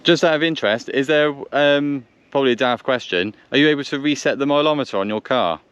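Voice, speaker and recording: A man with a medium-pitched, fairly bright, clear and resonant voice talks fast, thinking aloud and hesitating as he presents a casual outdoor vlog. Standing by a vehicle in the countryside, he chats to camera and does radio checks. The audio is dull, with noisy vehicle sounds in the background.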